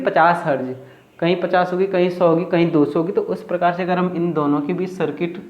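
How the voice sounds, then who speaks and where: A high-pitched man teaches physics, stopping to ask a question and then answer it himself, repeating each new term. The sound is dull and lo-fi, with a roomy echo around his voice. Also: a little mellow. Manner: repetitive, asks and answers own questions. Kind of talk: whiteboard lecture. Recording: roomy, dull lo-fi classroom recording.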